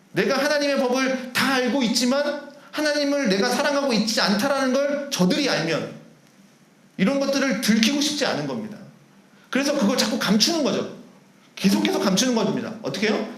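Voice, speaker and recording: Pastor, male, high animated voice; preaching in an echoey church hall. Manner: animated, rhetorical questions to the congregation. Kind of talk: sermon. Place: church sanctuary. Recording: roomy church hall echo.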